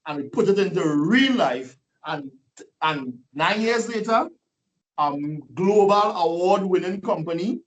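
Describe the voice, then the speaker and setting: A man giving a lively, preachy motivational webinar talk full of rhetorical questions, over a video call. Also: high voice, distant mic, poor audio. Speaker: guest speaker.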